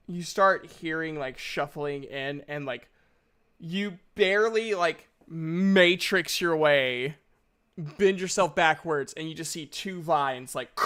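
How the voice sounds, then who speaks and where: A man running a tabletop game as dungeon master, with a fairly high, bright and crisp voice. He talks slowly and hesitantly, padding his narration with fillers and restarts.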